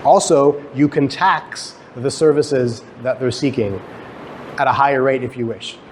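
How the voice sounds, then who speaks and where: Speaking at a medium pitch and an unhurried pace, a male lecturer walks students through an explanation, putting questions to the room and then answering them. He is an academic researcher who came from Guyana and emigrated to Canada. It's a noticeably noisy live recording of a talk in a lecture room.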